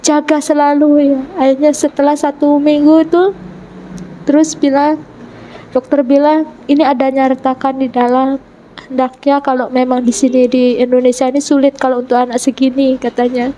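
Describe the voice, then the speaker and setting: A woman telling her own life story in an interview, earnest and halting, acting out the words of the people in it. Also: high voice, little pitch movement, warm tone, lo-fi sound, slight background noise. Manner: retells events by acting out quoted dialogue. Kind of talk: emotional personal testimony in an interview.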